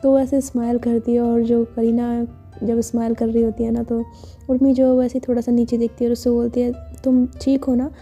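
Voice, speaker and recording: A woman's voice: on the high side, level tone, a little fast, mellow, soft background music. A woman telling a love story in a casual, chatty way, full of fillers. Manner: chatty, filler-heavy narration.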